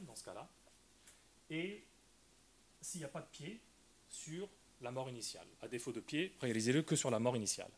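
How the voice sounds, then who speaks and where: A man giving an academic linguistics talk, explaining carefully with frequent hesitations and restarts. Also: medium pitch. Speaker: linguistics lecturer.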